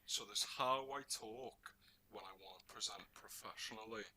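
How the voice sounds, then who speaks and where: Scouse man co-hosting a podcast, lowish, very bright tone, measured and explanatory. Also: slight background noise, poor audio. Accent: Scouse (Liverpool). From Liverpool, England. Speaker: podcast co-host. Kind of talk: casual chat.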